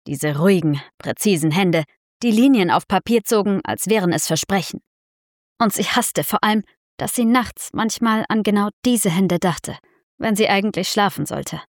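A woman narrates a story in a measured, deliberate way, lingering on phrases for dramatic weight. Her voice sits in a middle register. The recording is dry and close, with no room sound. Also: medium pitch, dry recording. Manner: slow, measured, dramatic reading. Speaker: audiobook narrator. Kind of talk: scripted narration.

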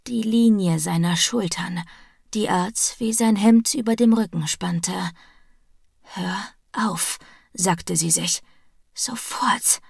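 A woman narrating a romance audiobook in a slow, deliberate, at times hushed manner. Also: medium pitch, gravelly, breathy edge, no room sound, studio quality.

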